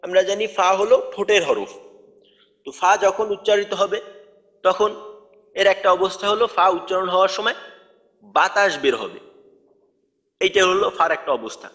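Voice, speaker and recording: High-voiced man teaching letter sounds. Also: normal speed, long pauses, a bit bright, in a large hall. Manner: patient, repeats letter sounds to demonstrate pronunciation. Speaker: tajweed teacher. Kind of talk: recorded online lecture.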